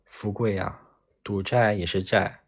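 A man voicing an enraged old father in an audiobook, cursing his gambler son and then speaking gravely. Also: fairly low pitch, level tone, unhurried.

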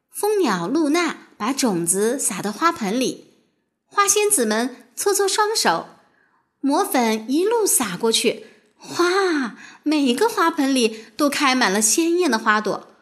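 A woman reads a children's fairy tale aloud in a high, bright voice. Her pitch dances up and down with a sing-song storybook lilt, expressive and animated throughout.

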